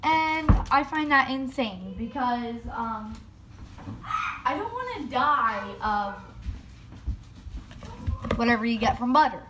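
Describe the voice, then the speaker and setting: A young woman vlogger bakes in her home kitchen, rambling casually and chatting while mocking herself in casual vlog narration. Her voice is on the high side and very animated, at a slow pace with frequent pauses, over background noise.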